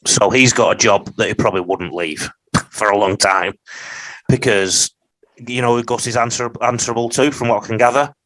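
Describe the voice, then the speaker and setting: A man with a lowish voice talks through his views in a relaxed, rambling way on a podcast. The sound is close and dry, with no room around it. He drifts from point to point like a co-host chatting with friends. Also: moderate pace, no room sound, poor audio. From England. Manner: opinionated, rambling analysis. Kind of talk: casual podcast discussion.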